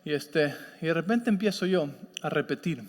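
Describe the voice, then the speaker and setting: A man's voice: fairly high pitch, moderate pace. A pastor preaching in a conversational way, often checking whether his listeners follow him. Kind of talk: sermon with personal story. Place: church sanctuary. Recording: long reverb of a church hall.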